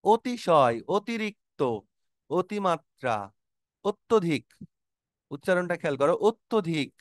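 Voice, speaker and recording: A man's voice: mid-range voice, animated, moderate pace, clean tone, dry recording, studio quality. A man teaching a vocabulary lesson, calling out word lists with emphatic stress and explaining them patiently to students.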